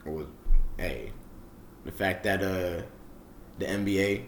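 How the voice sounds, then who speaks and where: A man's voice: low voice, slow pace. A young man in casual chat as a podcast co-host, rambling with many fillers and restarts. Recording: roomy echo, faint background noise.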